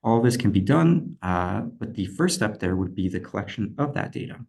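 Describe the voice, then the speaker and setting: A young man, a PhD candidate, presenting an online lecture in a steady, explanatory way. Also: on the low side, moderate pace, gravelly. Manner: steady, explanatory, occasional fillers.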